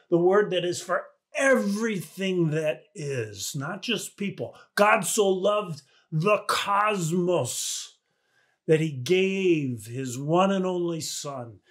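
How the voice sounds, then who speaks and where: A man's voice: sits high, fairly bright tone. A man in his fifties, a pastor, giving an enthusiastic sermon to a webcam from a small home study. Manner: enthusiastic, with big hand gestures. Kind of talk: sermon to camera.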